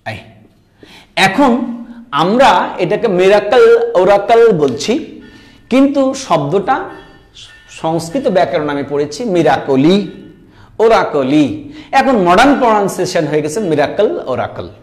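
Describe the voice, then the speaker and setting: A middle-aged man teaching an online grammar lesson. He explains step by step with many fillers and throat clearing, and keeps asking if the students follow. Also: high-pitched, animated, unhurried, pauses often. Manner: explains step by step, often asking "কেমন?" to check understanding.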